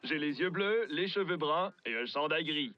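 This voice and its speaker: An actor playing a bland male dating-show contestant in a dubbed sketch, introducing himself flatly, on a dull lo-fi clip. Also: on the high side, normal speed, faint music behind, lightly acted. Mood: indifferent. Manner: flat, indifferent self-introduction.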